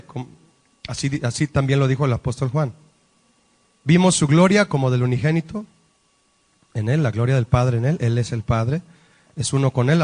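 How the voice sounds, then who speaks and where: A man preaching a Bible-study sermon, emphatic and asking the congregation rhetorical questions. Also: mid-range voice. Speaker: pastor. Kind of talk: sermon teaching.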